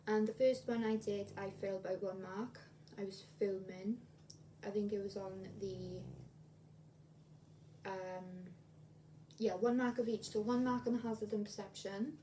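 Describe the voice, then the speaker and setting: A woman in her twenties vlogs to camera in a casual chat, rambling and repeating herself. Her voice is mellow and medium in pitch. The mic is distant, so room noise comes through clearly.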